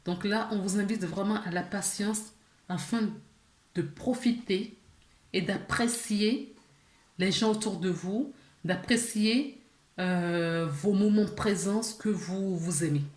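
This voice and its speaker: A woman's voice: mid-range voice, slow pace, echoey room. A woman giving a casual tarot reading to her viewers, chatty, with many fillers, restarts and small laughs. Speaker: tarot card reader.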